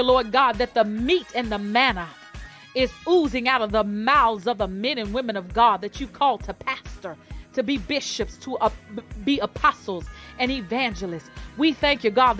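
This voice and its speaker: A woman's voice: a little high, fairly bright tone. A woman gospel radio host leading a fervent live prayer, repeating lines in a preacher-like call and response.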